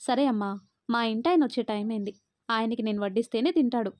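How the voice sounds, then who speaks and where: A woman's voice: on the high side, fast talker, darkish tone, natural voice. A woman voicing a polite household helper. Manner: respectful, motherly.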